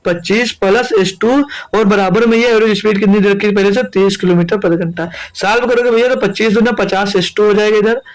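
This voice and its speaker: A man's voice: high voice, fairly even intonation, brisk, hardly any pauses. A young man from India teaching an exam-prep maths lesson, repeating steps and answering his own questions.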